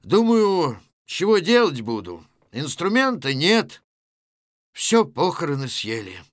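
A man's voice: fairly high pitch, very animated, slow pace, no echo, studio quality. A man reading a play aloud, voicing a gloomy widowed locksmith who speaks heavily of shame and poverty. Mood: glum. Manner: glum, heavy.

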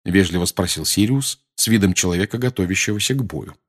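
A man reads an audiobook aloud as a narrator in a measured, expressive way. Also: deep voice. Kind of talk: scripted narration.

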